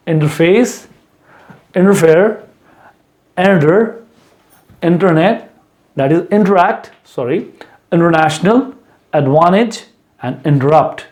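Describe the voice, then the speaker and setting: Man drilling English pronunciation slowly. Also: fairly high pitch, a little mellow. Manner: repeats words slowly and deliberately. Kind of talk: lesson with slow drilled examples.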